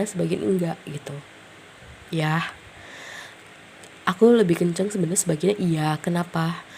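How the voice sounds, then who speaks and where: A woman with a cold-stuffed, nasal voice does a casual tarot reading, musing aloud with lots of fillers and slipping in English words. Her voice is lowish, creaky and mellow, with a faint hiss or hum in the background.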